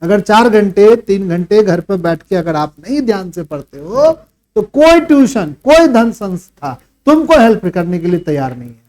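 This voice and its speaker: A man's high-pitched, very animated, slightly mellow voice moves at normal speed as he teaches math. He quizzes and scolds his students, asks rhetorical questions, and lectures them sternly about hard work at home.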